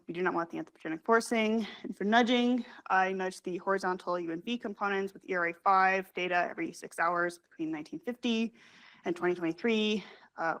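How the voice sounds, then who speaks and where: Young woman, graduate student, conference presentation, hurried, lots of ums and self-corrections, mid-pitched voice. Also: fairly bright tone. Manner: fast, hurried delivery with frequent fillers and self-corrections. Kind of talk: scientific conference talk.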